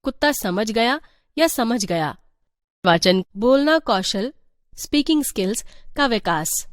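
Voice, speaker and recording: A woman reading a teacher's guide aloud in an even, measured voice. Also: mid-range voice, dry recording, studio quality. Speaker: textbook reader.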